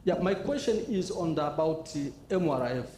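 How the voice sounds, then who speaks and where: A man's voice: on the high side, expressive, brisk, warm tone, slight background noise. A man from a government office earnestly asking a question at a conference. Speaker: audience member asking a question. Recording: echoey conference hall.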